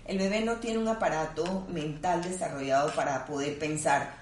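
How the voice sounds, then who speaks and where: A woman clinical psychologist explaining things in a calm, measured, teacherly way. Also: low-pitched, a little hiss or hum. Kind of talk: explanatory conversation. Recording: roomy sound from a distant mic.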